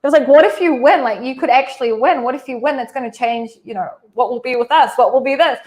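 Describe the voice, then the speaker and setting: This is a high-pitched, fast, a little mellow voice from a woman in her thirties with a New Zealand accent. As a video-call interview guest she chats casually about her life story, laughing easily, saying "like" often and restarting sentences.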